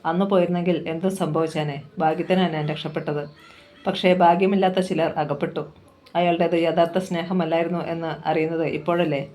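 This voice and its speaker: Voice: medium pitch, little pitch movement, fairly quick, a little mellow, close to an everyday voice. Heartbroken young woman, as a storyteller reads her. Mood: subdued. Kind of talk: audiobook novel reading.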